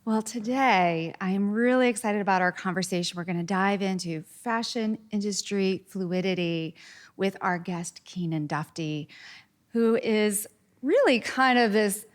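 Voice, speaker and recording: A woman's voice: medium pitch, unhurried. Upbeat woman hosting a fashion podcast. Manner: upbeat, enthusiastic introductions. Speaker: podcast co-host. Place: penthouse room in Manhattan.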